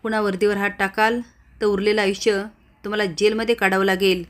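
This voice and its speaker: A woman's voice: medium pitch, flat delivery, quick pace, natural voice. A woman voicing a stern male village police officer who threatens and lectures the crowd. It is a spoken retelling of a TV serial. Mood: stern, threatening.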